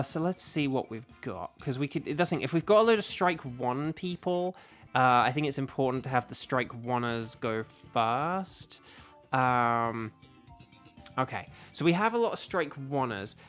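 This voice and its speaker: A livestream host of unclear sex chatting casually and ramblingly to viewers in an echoey room. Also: mid-range voice. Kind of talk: casual gaming livestream chat. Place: echoey indoor room, music behind.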